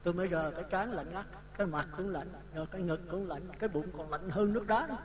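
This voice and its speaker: High-voiced Southern Vietnamese monk storyteller. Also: male voice, quick pace, a little hiss or hum. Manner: lively anecdotal telling, acts out dialogue. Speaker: Buddhist monk giving a dharma talk. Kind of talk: storytelling sermon. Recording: talk with audience sounds behind. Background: listeners laughing.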